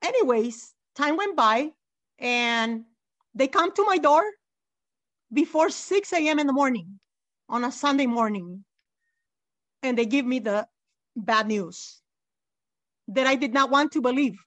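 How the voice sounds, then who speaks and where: A woman's voice: high voice, expressive, a little slow, pauses often, fairly bright tone. A middle-aged mother giving emotional, insistent testimony as an interview guest, near tears and repeating herself.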